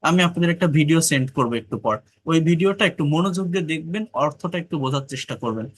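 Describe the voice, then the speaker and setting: English tutor, Bengali-man, slightly high voice, slow repeated reading then brisk coaching. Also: animated. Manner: slow, repeats phrases while reading dialogue. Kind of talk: online English class.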